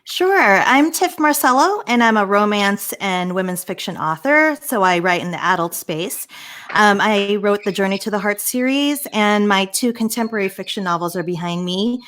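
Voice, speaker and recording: Woman author introducing herself clearly. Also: medium pitch, expressive, moderate pace, fairly bright tone. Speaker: panel author. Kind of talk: panel discussion.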